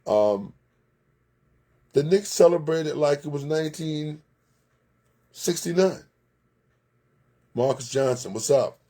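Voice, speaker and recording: A man's voice: a little high, expressive, slow, long pauses, mellow. A man hosting a local sports recap, chatting casually, giving blunt opinions and greeting viewers by name. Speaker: sports show host. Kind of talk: casual live sports commentary.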